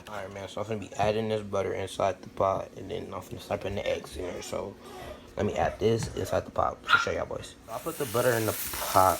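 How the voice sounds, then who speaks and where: Young American guy, low voice, noisy recording. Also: creaky. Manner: slangy, repeats himself, informal. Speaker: vlogger. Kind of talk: casual chat, narrating home cooking. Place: home kitchen. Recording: noisy home recording with clicks.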